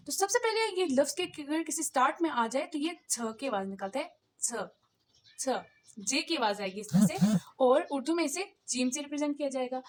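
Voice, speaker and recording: Woman, online tutor, high-pitched, patient step-by-step delivery, light background hiss. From Pakistan. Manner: patient, explains step by step and repeats words. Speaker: Korean language teacher. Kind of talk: online language lesson.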